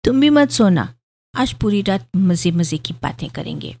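A woman's voice: medium pitch, big pitch swings, a little slow, creaky, darkish tone, exaggerated voice. A woman voicing a playful, pampered young bride, with a pouting, teasing sing-song delivery in a storybook reading. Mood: girlish.

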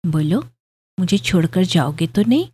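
A woman's voice: lowish voice, big pitch swings, normal speed, mellow, breathy edge, exaggerated voice. A woman voicing a playful, pampered young bride, with a pouting, teasing sing-song delivery in a storybook reading. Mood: girlish.

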